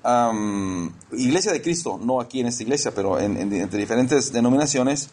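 A man's voice: medium pitch, animated, normal speed, darkish tone. A man preaching a conversational sermon in church, often repeating words as he searches for the next one.

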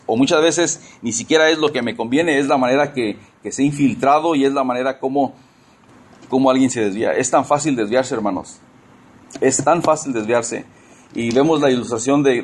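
Earnest Spanish-speaking preacher man. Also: husky. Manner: earnest preaching, mimics churchgoers in high excited bursts; repeats words and phrases for emphasis. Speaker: pastor. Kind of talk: sermon.

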